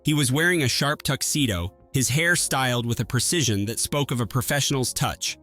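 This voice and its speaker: A man's voice: medium pitch, soft background music. Man narrating a first-person story. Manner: even, measured storytelling.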